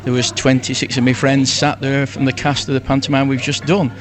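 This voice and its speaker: On a casual live radio show, an amateur panto performer in his sixties with a Lancashire accent is the guest, chatting effusively and repeating himself a lot. He talks briskly at medium pitch with little pitch movement, and music plays in the background.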